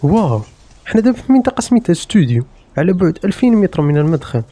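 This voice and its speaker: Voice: medium pitch, big pitch swings, very fast, mellow, slightly rough. A narrator with a Moroccan accent reading a scripted documentary-style voice-over for a travel vlog. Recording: music behind the voice.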